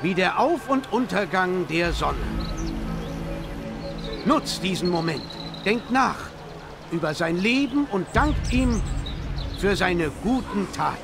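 A man voicing a solemn figure leading a funeral in dubbed video game dialogue, measured and preacher-like. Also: high voice, animated, gravelly, full character voice. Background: game music.

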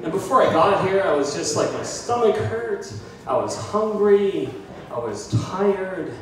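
Animated man doing stand-up in a bar. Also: high voice, unhurried, crowd noise. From United States. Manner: self-deprecating, animated, puts on voices for bits. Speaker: stand-up comedian. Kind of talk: stand-up comedy set. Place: small bar with brick walls, indoors. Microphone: handheld mic, filmed by a phone from the audience. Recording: echoey bar from far off. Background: audience laughter.

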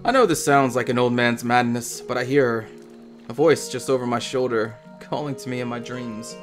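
Guy doing a sad old ranger from a game, wobbly fake accent, some quiet music under it. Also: mid-range voice, steady tone, lightly acted. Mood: haunted. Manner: a put-on accent that keeps slipping, read slowly and heavily. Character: grieving elderly male veteran ranger, haunted and wistful.

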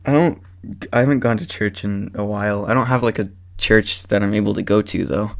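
A man's voice: lowish voice, fairly even intonation, brisk, gravelly. A teenage boy co-hosting a casual podcast, easygoing and laughing, with lots of "like.". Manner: easygoing, laughs a lot, says "like" a lot. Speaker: podcast co-host. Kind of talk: casual chat.

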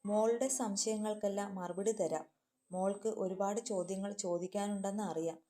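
Lady doing a caring foster mom, soothing, mellow soft voice. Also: mid-range voice, steady tone, moderate pace, lightly acted. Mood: tender soothing. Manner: soothing and affectionate. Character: tender foster mother, protective, sharp-tongued when crossed.

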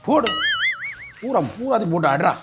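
A man's voice: high-pitched, lively intonation, fairly quick. A man playing a cheeky, greedy ten-year-old boy in a comedy sketch, whining and teasing while he keeps calling for his mommy. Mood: sulky. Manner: whiny, teasing, repeats "mommy". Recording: loud background music. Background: loud music.

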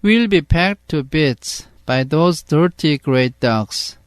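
A man reading the part of a fretful mother in a storybook, slowly and carefully, then translating each line into Korean. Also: fairly high pitch, animated, clear, resonant tone, no echo, clean studio sound. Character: fretful mother duck-hunter turned bird.

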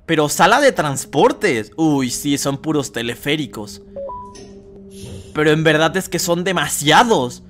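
A young man commentating a horror game as a let's player, talking to viewers and shouting at scares. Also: on the high side, measured pace, soft background music. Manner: excitable, shouts and screams at scares, chatty asides to viewers. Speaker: gaming YouTuber.

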